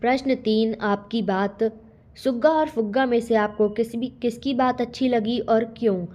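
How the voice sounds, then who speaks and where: A woman teacher reading a school lesson aloud and going through its questions in a clear, patient way. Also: a little high, moderate pace, darkish tone. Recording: dull lo-fi recording.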